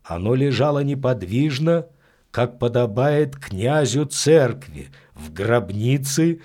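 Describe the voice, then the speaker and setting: A man voicing a calm, insightful priest who explains things in a matter-of-fact way in an audiobook. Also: mid-range voice, slow. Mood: earnest.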